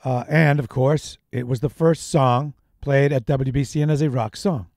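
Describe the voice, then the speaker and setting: A man's voice: medium pitch, steady tone, moderate pace, a little mellow, no echo. A man hosting a live radio show, chatty and reflective, speaking into a studio microphone. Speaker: radio DJ host.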